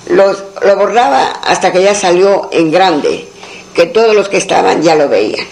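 A man tells a traditional tale out loud and wanders into asides along the way. His voice sits high for a man and carries a gravelly fry. He often breaks off and restarts his sentences. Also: expressive, a little slow, rough recording. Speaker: storyteller. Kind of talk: oral folk-tale telling.

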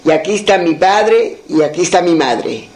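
A man's voice: sits high, animated, moderate pace, a little mellow, poor audio. A man telling a folk tale and voicing a young doctor who speaks reassuringly and gives orders. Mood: formal.

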